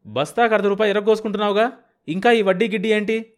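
A man's voice: a little high, expressive, normal speed, close to an everyday voice. A man voicing a shrewd, stubborn middle-aged village farmer who talks bluntly and pushes hard. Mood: angry. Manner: blunt, pushy and insistent.

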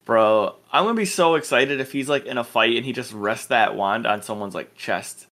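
A man's voice: medium pitch, normal speed, fairly bright tone. A man co-hosting a podcast, chatting casually about anime in a slangy, profane, rambling way. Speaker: podcast co-host.

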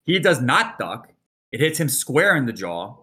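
A man co-hosting a podcast, telling a long story in a casual, animated way and acting out quotes. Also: medium pitch, unhurried. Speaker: podcast co-host.

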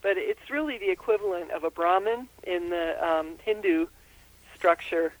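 In a phone interview with poor audio, an older herbalist and author from Austria talks through her answers thoughtfully, often pausing on um. Her pitch is fairly low and her speed normal.

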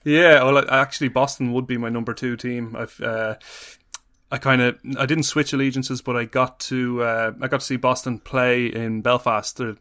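Irish male podcast host, mid-pitch, dry close mic, talks with fillers and restarts. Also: pushed and bright, clear, resonant tone, no room sound. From Ireland. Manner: hesitant, many ums and restarts. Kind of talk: casual chat and stats rundown.

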